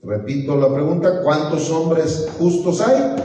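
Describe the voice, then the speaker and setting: A man teaches an evangelism class in church, preachy and encouraging as he has the class read verses aloud. His voice is a little high, expressive and mellow, and he speaks a little slowly. He is recorded from far off in an echoey hall with faint room noise.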